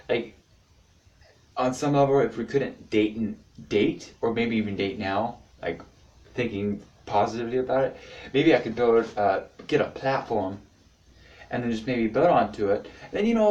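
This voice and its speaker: Halting twenties man rambling, off-mic. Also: medium pitch, a little mellow, far from the mic, lo-fi sound. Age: 20s. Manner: halting, many fillers and restarts, sudden whispers. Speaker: amateur stand-up comic. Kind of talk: rambling confessional monologue to camera. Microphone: camera mic.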